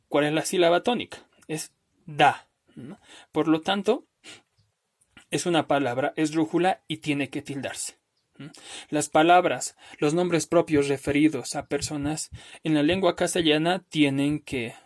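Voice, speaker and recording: A man teaching a recorded spelling lesson over slides, patient and step by step, often checking in with "¿no?" and slowly drawing out words to show where the stress falls. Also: on the high side. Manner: patient, explains step by step with frequent "¿no?".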